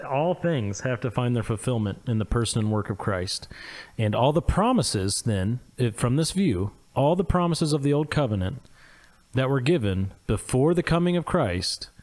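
A man's voice: medium pitch, darkish tone. A man with a Midwestern accent co-hosting a theology discussion podcast and reading quotations aloud with small asides. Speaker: podcast co-host.

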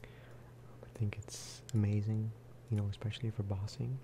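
A video game streamer and host whispers relaxed, casual ASMR commentary over gameplay, his soft, breathy voice close to the mic. His pitch is on the low side and his speed normal.

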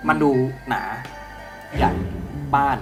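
A man narrating a tabletop role-playing game as game master. He describes scenes calmly and in detail, with polite particles in his speech and faint music underneath. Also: slow.

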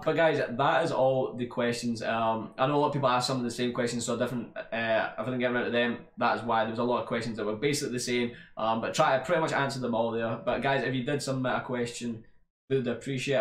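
A young man with a Scottish accent answering viewer questions in a casual gaming vlog, relaxed and rambling, full of ums and "bro". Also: mid-range voice, fast. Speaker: YouTube gaming creator. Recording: roomy echo.

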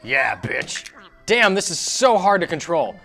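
An excitable man playing a video game with his co-host, swearing and teasing in quick bursts. His voice is bright and a touch high, bouncing around a lot in pitch. A faint bed of game music sits behind him. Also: creaky. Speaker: co-host of a gaming channel. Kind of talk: casual let's-play commentary.

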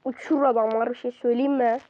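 A woman giving casual gameplay commentary from a bedroom at home, excitable and quick to exclaim and grumble at opponents. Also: fairly high pitch, very noisy. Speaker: gaming video creator. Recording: slightly dull lo-fi recording.

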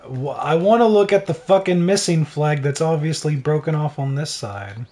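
A man chats bluntly while streaming a game, joking and cursing freely. His voice sits a little high and bounces a lot. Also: expressive, normal speed, mellow. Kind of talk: casual profane gaming chat.

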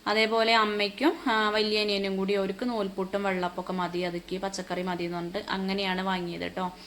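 A woman's voice: medium pitch, level tone, fairly quick, a bit bright, slight background noise. Keralan woman vlogger in her thirties, chatty phone narration, faint ambience in the background. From Kerala, India. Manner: chatty, tag-heavy storytelling. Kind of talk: casual narration. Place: airport, indoors.

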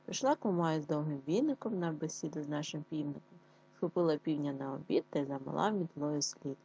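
A woman teacher giving a reading lesson, pronouncing words slowly and clearly, then reading a fairy tale aloud. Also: sits low, dark tone, lo-fi sound, a little hiss or hum. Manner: slow, careful enunciation of words. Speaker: primary school teacher.

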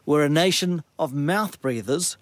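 A man with a New Zealand accent narrating a television news report in a measured, scripted way. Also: on the high side, no room sound.

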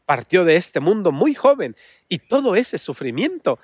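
Expressive priest telling a saint's story. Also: male voice, sits high, moderate pace, breathy edge, dry recording, clean studio sound. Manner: dramatic, sorrowful storytelling. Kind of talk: storytelling sermon.

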